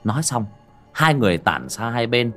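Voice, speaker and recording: A man narrating a horror story in a vivid, expressive way. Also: medium pitch, normal speed, faint music behind. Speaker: audiobook narrator.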